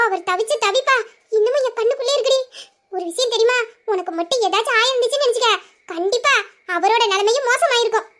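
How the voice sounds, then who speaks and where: Woman playing a high-pitched, giggly young friend in an audio drama, animated and caring.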